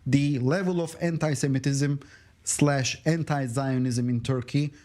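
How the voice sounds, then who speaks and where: Dark-voiced man giving halting news commentary. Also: medium pitch, fairly even intonation. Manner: hesitant, many fillers, emphatic. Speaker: guest analyst.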